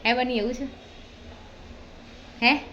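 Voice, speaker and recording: A woman's voice: high voice, steady tone, takes it slowly, pushed and bright, muffled recording, a little hiss or hum. A woman in her thirties, a mother chatting casually in a home vlog, teasing and scolding her kids as she talks. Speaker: vlogger and mother.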